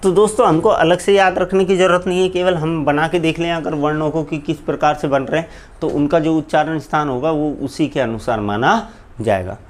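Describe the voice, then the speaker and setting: A man teaching Hindi grammar in a live online class, asking his students questions and answering them himself, often calling them "friends". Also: steady tone. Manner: keeps repeating "friends" to address students; drops low and slow on each answer. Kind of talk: live online exam-prep lecture.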